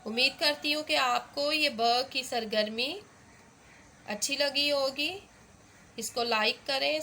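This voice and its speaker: Slow, bright-voiced woman teaching phonics. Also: high-pitched, a little hiss or hum. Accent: Urdu. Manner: slow, repeats sounds with emphasis. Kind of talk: phonics lesson for teachers and parents.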